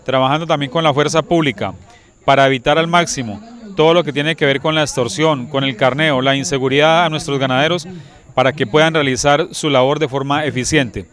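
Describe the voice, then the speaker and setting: A man's voice: mid-range voice, steady tone, brisk, fairly bright tone. A Colombian man in his forties speaking as a mayor to TV news, in official, list-like oratory, into a handheld microphone outdoors. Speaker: municipal mayor. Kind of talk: formal spoken statement to TV news. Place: outdoors at night near a livestock complex. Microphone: handheld reporter microphone.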